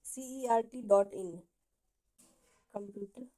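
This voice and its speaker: A woman teaching an exam-prep class with a mellow, relaxed tone. She asks a question, then answers it herself, and drills the key terms by repeating them over and over. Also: mid-range voice, slow pace, rough recording. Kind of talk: Hindi exam-prep lecture.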